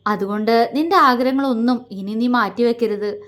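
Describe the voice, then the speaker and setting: A woman voicing a kind, protective elder brother who speaks gently and teases a little. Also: a little high, normal speed, close to an everyday voice. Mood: gentle. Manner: gentle, reassuring, lightly teasing.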